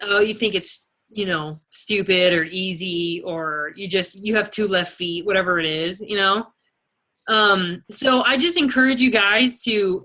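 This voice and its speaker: A woman with a medium-pitched, sharp-toned voice leads a team as a fitness sales coach. Her motivational style is informal and chatty, peppered with "okay" and "you know."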